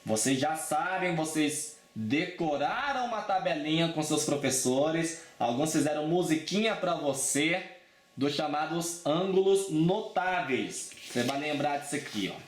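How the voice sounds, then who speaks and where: A man's voice: fairly high pitch, reverberant. A man with a Brazilian Portuguese accent teaching a casual exam-prep math lesson, chatty and informal, often checking in with his students. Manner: chatty and informal, with frequent check-ins and slang.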